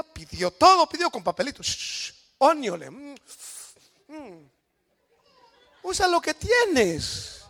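High-voiced Salvadoran preacher shouting. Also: male voice. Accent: Salvadoran Spanish. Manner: shouted, emphatic preaching with call-and-response praise cries. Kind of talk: sermon.

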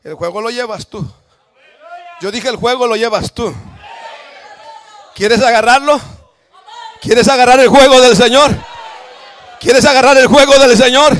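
A Salvadoran man preaches in a church, his voice pitched very high for a man. He drives the sermon with shouted, emphatic cries of praise and calls for the crowd to answer. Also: unhurried, long pauses, slight background noise. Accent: Salvadoran Spanish.

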